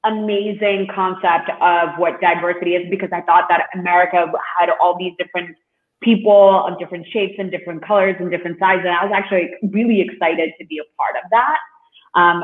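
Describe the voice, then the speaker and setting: A man from Russia, a guest in an interview, talking in an earnest, halting way with many fillers. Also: sits high. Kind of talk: interview conversation. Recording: echoey, phone-like call line.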